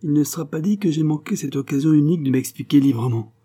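A man's voice: lowish voice, fast talker, warm tone, slightly rough. A man voicing a timid, lovesick young clerk who swings between bursts of nerve and sighs, in a read-aloud novel. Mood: defiant. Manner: exclaiming, then sighing.

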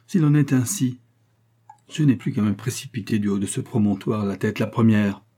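A man voicing an indignant, excitable middle-aged male astronomer in an audiobook, with shrill, exasperated outbursts. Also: moderate pace, breathy edge.

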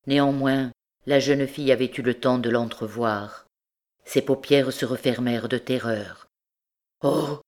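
A woman reading a classic novel aloud as an audiobook narrator, in a measured, unhurried style. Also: extremely low pitch, fairly even intonation, darkish tone. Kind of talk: scripted narration.

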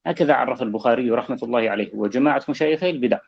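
A man's voice: medium pitch, racing, creaky, breathy edge, highs cut off. A man teaching, breaking into a reading to explain it, asking questions and then answering them himself. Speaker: teacher giving commentary. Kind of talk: lesson commentary.

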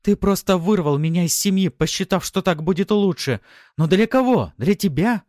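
A man reading an audiobook, voicing a furious young wife who shouts back at her abusive husband. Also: fairly low pitch, animated, a little fast, no echo, clean studio sound, voice pushed up, natural voice. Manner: shouting, defiant.

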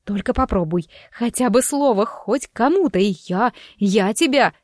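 A woman voicing a proud young healer, sharp-tongued and easily flustered. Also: on the high side, expressive, normal speed, dry recording, clean studio sound. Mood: indignant.

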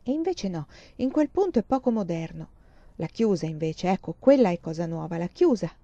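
A woman's voice: lowish voice, big pitch swings, normal speed, dark tone, no echo. A woman voicing a mature, ambitious woman writer who speaks in intense, rueful bursts, on a dull lo-fi recording. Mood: eager.

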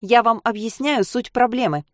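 A woman's voice: a little high, normal speed, no echo, studio quality, pitched above the performer's own voice, natural voice. Woman voicing a pushy indignant daughter. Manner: pressing, indignant questions. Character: tense adult daughter, embarrassed and pushy.

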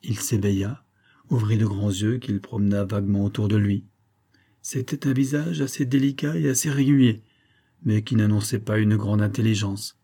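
A man reading a classic novel aloud as an audiobook narrator, steady and measured. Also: lowish voice.

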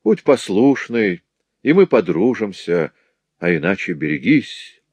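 A man's voice: on the low side, big pitch swings, measured pace, darkish tone, breathy edge, dry recording, full character voice. A man reading a story aloud, voicing a lecherous male master who mocks and threatens a young woman. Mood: sneering menace. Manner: sneering, taunting.

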